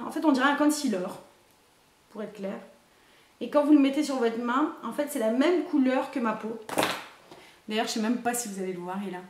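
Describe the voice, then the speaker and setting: Young woman rambling on about her haul, kinda high voice, echoey room. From Belgium. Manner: chatty, rambling with many hesitations. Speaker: beauty youtuber. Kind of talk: casual haul vlog.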